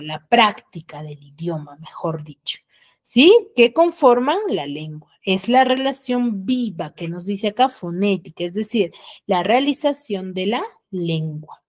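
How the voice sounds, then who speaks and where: A woman teacher with a Peruvian Spanish accent, giving an online school lesson in an explanatory way and often ending phrases with tag questions, recorded on a computer mic. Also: mid-range voice. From Peru. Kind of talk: online class lecture.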